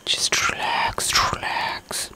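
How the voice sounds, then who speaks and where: A man in his twenties whispering soothing ASMR, breathy and very close to the microphone. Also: takes it slowly, rough recording. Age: 20s. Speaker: ASMR channel host. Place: small room indoors. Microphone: close fluffy-covered mic hung in front of the mouth.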